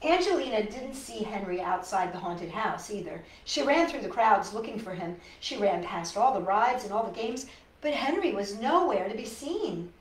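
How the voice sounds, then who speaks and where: Speaking straight to the children watching, a storytime host reads a picture book aloud with expression, coaxing and sympathizing in her asides. Her mid-range voice is expressive, at a normal speed, in an echoey room with a bit of faint noise behind.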